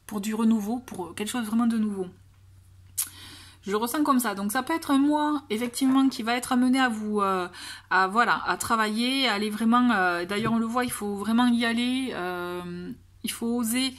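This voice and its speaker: A woman giving a casual oracle card reading to her viewers, gentle and encouraging, with many fillers and restarts. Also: fairly high pitch. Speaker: tarot and oracle card reader.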